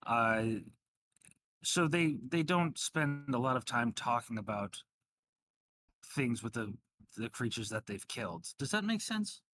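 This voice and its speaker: A man's voice: mid-range voice, lively intonation, a little slow, a bit bright, no room sound. A man voicing a rambling, hesitant professor with a formal, polite manner in a tabletop game. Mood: hesitant, explaining. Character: rambling, polite male professor at a draconic college.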